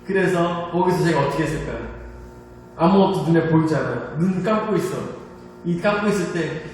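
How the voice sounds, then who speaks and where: Brief: male pastor, high voice, animated storytelling sermon, distant mic in a reverberant hall. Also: a little fast. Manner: animated storytelling, laughing at himself, shouting quoted lines. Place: church hall. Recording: echoey hall, distant mic, faint hum.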